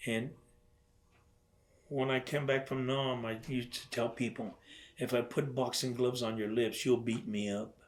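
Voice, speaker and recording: An older man recounts his memories in an oral history interview, speaking in a conversational storytelling way. He stumbles and restarts often and slips into the voices of people he quotes. His pitch sits in an ordinary middle range. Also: little pitch movement. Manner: storytelling, acts out quoted dialogue, halting restarts. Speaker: interviewee, veteran.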